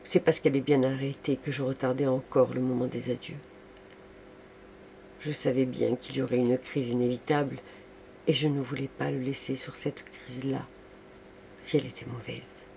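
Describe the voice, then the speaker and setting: A resolute, tender woman calmly ends a love affair, read by a man in his plain voice. The delivery is grave and measured, at a middle pitch, like an audiobook. A faint hiss sits under the voice. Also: vocal fry, close to an everyday voice. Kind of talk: audiobook reading.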